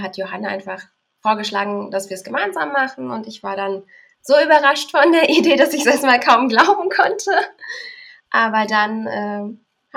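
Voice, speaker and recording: A twenty-seven-year-old woman from Berlin, Germany, appears as a podcast guest, chatting cheerfully though somewhat hesitantly in a casual interview. Her voice is fairly high and fairly bright, with vocal fry.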